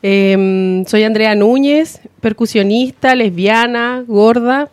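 Woman percussionist guest, cheerful, high-ish, dry close sound. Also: slow, no echo. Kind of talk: radio guest introduction.

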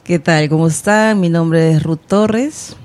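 A woman guitarist introducing herself in a relaxed, hesitant way. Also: sits low, slow pace. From Peru. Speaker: guitarist guest. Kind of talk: radio guest introduction.

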